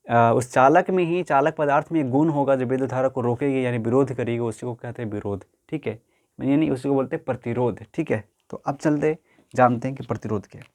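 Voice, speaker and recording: A man explaining a school physics lesson in a homely, colloquial way, using everyday examples. He restates each point and keeps pausing to ask whether the students are following. His pitch sits right in the middle for a man. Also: darkish tone. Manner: repetitive, checks understanding often. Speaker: teacher.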